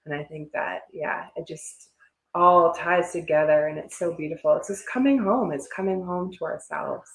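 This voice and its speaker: A woman host with a low voice chats casually. She affirms what she hears warmly, and her voice carries a roomy echo. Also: moderate pace. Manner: warm, affirming. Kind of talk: casual chat.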